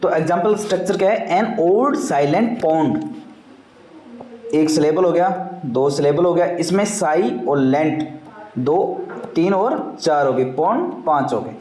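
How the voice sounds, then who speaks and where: A man's voice: fairly high pitch, animated, measured pace, darkish tone, echoey room, rough recording. A male teacher giving an exam revision lecture, explaining step by step and repeating key points.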